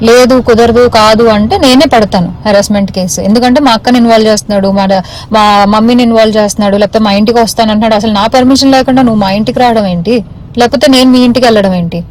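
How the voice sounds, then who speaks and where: A woman's voice: a little high, fairly even intonation, rapid-fire, darkish tone, a little hiss or hum, low-quality recording. A woman leaving a recorded phone voice message for a man. She is firm and insistent, repeats her key points and mixes in English phrases. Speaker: sender of the message.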